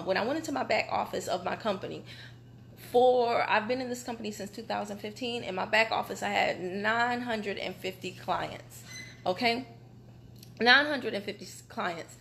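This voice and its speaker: A woman's voice: mid-range voice, gravelly, fairly bright tone, slight background noise. A woman, a small business owner chatting candidly on a live phone video while standing on a vibration machine, so her voice shakes as if she is talking into a fan. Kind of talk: casual live video talk. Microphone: phone camera.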